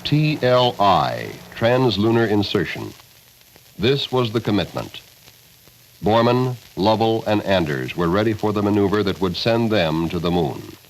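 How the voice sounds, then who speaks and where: A man narrating a scripted 1960s documentary with solemn, portentous and measured phrasing. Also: lowish voice, very animated. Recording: faintly noisy 1960s film soundtrack.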